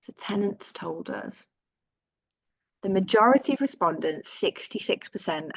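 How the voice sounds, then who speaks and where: A woman's voice: fairly low pitch, gravelly, fairly bright tone, dry recording, rough recording. A woman with a Northern English accent presenting survey findings in a webinar, reading out figures with fillers and self-corrections.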